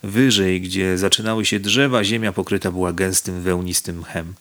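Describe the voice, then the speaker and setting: A man reading a novel aloud as an audiobook narrator, in a steady, measured way. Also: sits low.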